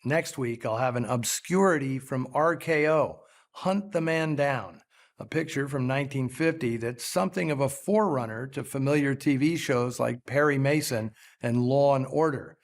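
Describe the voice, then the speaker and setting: A man hosting a film program, delivering scripted commentary in a measured, articulate storytelling way. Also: mid-range voice. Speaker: film show host.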